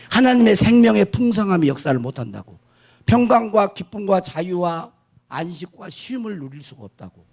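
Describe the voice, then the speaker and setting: A man preaching a sermon as pastor, putting questions to the congregation and answering them himself, moving from hushed asides to shouted declarations. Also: on the high side, gravelly, husky.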